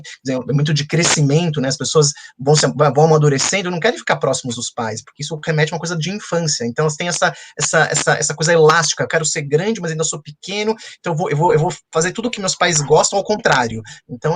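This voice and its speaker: A man, a children's book author, talking casually in a webinar with an animated storytelling manner and frequent restarts. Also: a little high. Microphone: video call. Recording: noisy video call audio.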